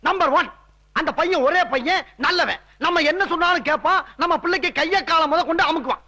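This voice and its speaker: An actor playing a swaggering middle-aged politician uncle who talks loudly and bossily in a radio drama. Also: male voice, extremely high pitch, brisk, exaggerated voice. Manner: loud, swaggering, bossy.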